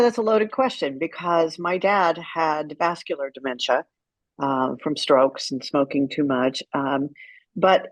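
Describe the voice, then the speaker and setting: A middle-aged American woman with a low voice tells stories as an interview guest, candid and wry. She's a caregiver advocate, animatedly retelling events with quoted dialogue, captured in a dry recording with poor audio.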